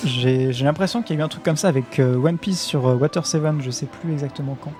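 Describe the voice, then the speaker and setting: A man's voice: a little high, fast talker, darkish tone, faint music behind. A man chatting casually as a co-host, tentative and searching for words. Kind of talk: casual discussion.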